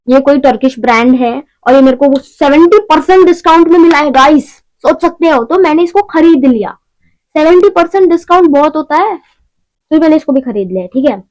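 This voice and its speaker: A woman's voice: high-pitched, darkish tone, poor audio. A young woman talking casually through a beauty haul at home, chatty and rambling with self-mocking asides. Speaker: beauty vlogger. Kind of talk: casual shopping haul vlog.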